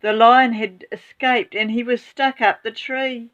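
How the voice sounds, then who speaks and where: Slow, dramatic woman reading a storybook. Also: on the high side, fairly even intonation, a bit bright, lo-fi sound. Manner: dramatic, with exclamations. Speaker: children's story reader. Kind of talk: expressive rhyming storybook narration.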